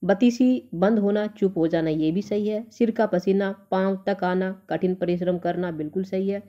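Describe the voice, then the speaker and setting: A woman's voice: medium pitch, fairly even intonation, moderate pace, dark tone, muffled recording. A woman teacher going through exam answers, reading each option aloud and then saying whether it is right or wrong. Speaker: Hindi teacher. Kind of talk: exam answer-key walkthrough.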